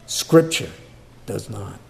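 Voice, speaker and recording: A male pastor preaching a sermon, repeating phrases for emphasis and swinging between loud stresses and hushed near-whispers. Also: lowish voice, sing-song, slow pace, creaky.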